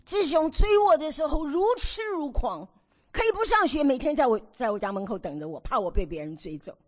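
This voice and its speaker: A woman in her sixties preaching to a women's meeting, telling stories from her own marriage with animated, theatrical delivery. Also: high-pitched, fairly quick. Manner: animated storytelling, acts out her own past nagging. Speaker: women's ministry speaker.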